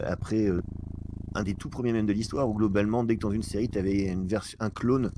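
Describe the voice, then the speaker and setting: Fast-talking joking man on a noisy line. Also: on the low side, steady tone. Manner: joking, hesitant with many fillers. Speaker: co-host of a live stream. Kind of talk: casual chat. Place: online voice chat.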